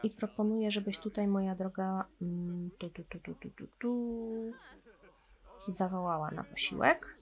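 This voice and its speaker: A woman's voice: mid-range voice, fairly even intonation, measured pace. A young woman casually commenting on a life-simulation game, chatting with viewers and talking to her characters. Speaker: gameplay commentator. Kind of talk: casual let's-play commentary.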